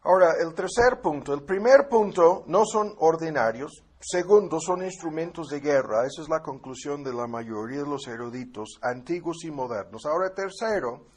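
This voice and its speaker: A man teaching a Bible class, explaining at a relaxed pace with tag questions and fillers, and reading scripture aloud before commenting on it. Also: on the high side, moderate pace, hardly any pauses, slightly rough.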